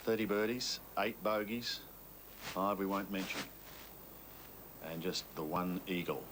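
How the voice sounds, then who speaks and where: A man commentating live on televised golf as lead broadcaster, with measured, conversational observations. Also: deep voice, background noise.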